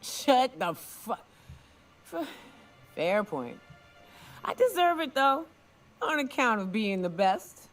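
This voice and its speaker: Brash female big game hunter, tipsy barfly: swinging pitch, rambling game dialogue over music. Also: very animated, takes it slowly, pauses often. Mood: boastful, gruff. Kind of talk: video game acting.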